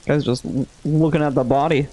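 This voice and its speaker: A man giving casual, low-key playthrough commentary as a gaming host, musing aloud and reading out game text. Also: steady tone, fairly quick, dark tone, poor audio.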